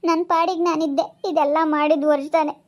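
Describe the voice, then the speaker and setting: A woman's voice: high-pitched, little pitch movement, fairly quick, close to an everyday voice. A woman playing a desperate young wife pleading to be trusted. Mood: bitter. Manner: pleading, repeats herself. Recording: dull lo-fi sound.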